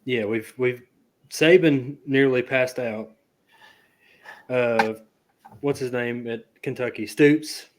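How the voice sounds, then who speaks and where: A man's voice: medium pitch, slow pace, long pauses, noisy background. A man co-hosting a casual sports chat, laughing along and prompting with short remarks. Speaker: co-host.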